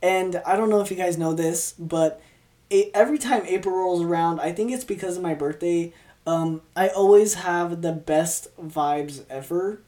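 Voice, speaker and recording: 20 yr old girl rambling on her podcast, kinda low mellow voice, trips over her words. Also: normal speed. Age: 20s. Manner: rambling, stumbling, upbeat. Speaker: podcast host. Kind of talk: casual solo podcast chat. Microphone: podcast mic, also filmed for video.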